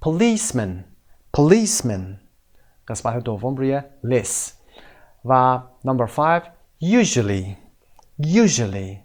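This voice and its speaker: A man with a Persian accent teaching English from a textbook. He reads the English examples slowly, repeats them, and then explains them briskly. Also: medium pitch. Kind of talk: textbook lesson walkthrough.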